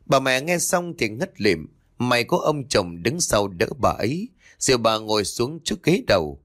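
A man hosting his own channel, narrating a horror story in an expressive, dramatic reading voice. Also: medium pitch, normal speed. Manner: expressive, rising with tension.

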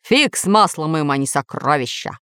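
A woman's voice: low voice, animated, moderate pace, no room sound, clean studio sound. Woman playing a growling storybook villain. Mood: angry. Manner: gloating, growling. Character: scheming, bad-tempered male villain lord.

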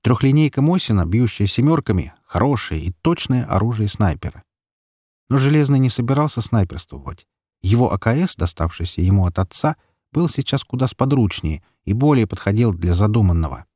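A man reading a dark story as an audiobook narrator in a steady, even telling. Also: on the low side, a little fast, no echo, clean studio sound.

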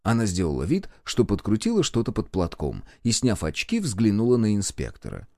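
Expressive low-voiced male narrator. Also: moderate pace, no echo, studio quality. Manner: expressive storytelling. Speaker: audiobook narrator. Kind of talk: scripted narration.

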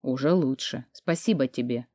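A woman reading an audiobook voices an ill young man who speaks quietly and wearily. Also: very deep voice, normal speed, no echo, studio quality, pitched below the performer's own voice. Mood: weary, soft. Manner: quiet, weary, soft-spoken.

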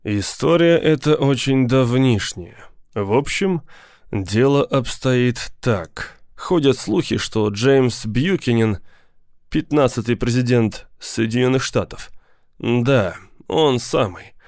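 A man voicing a big, menacing lawyer who speaks slowly and with cool politeness. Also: mid-range voice, animated, a little mellow, no room sound, clean studio sound. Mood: explaining. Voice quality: slow, measured, coolly polite. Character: big cold male mobster lawyer, menacing, patient.

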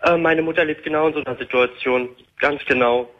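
A man in his twenties calling a late-night talk show on a hands-free speakerphone, hesitant and halting. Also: on the high side, fairly even intonation. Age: 20s. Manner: hesitant, halting, with many fillers. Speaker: caller. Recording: muffled speakerphone phone line.

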